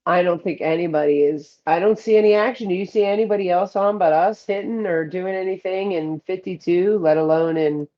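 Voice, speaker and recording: A woman's voice: fairly low pitch, brisk, few pauses. A woman streaming a mobile game at home, chatting casually and giving a running commentary on her rewards. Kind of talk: casual chat while playing. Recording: muffled lo-fi.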